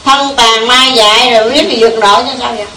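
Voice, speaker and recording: A woman's voice: on the high side, steady tone, brisk, pushed and bright, a little hiss or hum. A woman giving a folksy Buddhist sermon, full of rhetorical questions and small chuckles. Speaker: Buddhist preacher. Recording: echoey room from far off.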